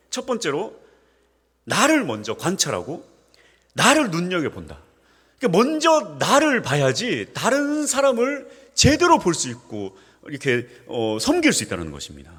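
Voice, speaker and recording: A male pastor preaching a sermon, swinging between soft asides and emphatic peaks. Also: sits high, husky. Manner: acts out homely dialogue with humor. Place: church sanctuary. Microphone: microphone with feedback trouble. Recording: reverberant church hall.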